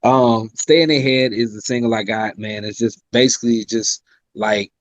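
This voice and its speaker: On a dry recording, a man from South Carolina in his 30s, who raps and sings, talks at normal speed in a steady tone. He's relaxed and courteous as an interview guest, leaning heavily on "you know," and by his own account has a high-pitched voice.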